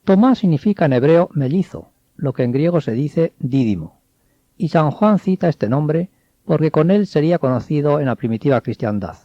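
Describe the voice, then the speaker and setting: A man giving a measured, explanatory commentary on scripture. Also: fairly high pitch, lively intonation, dark tone, no echo. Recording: dull, dry studio sound.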